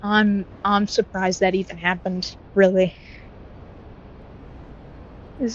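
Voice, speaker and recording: A woman giving casual live commentary on an online sim race, repeating herself and quick to get excited when the racing tightens. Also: mid-range voice. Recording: dull lo-fi stream mic.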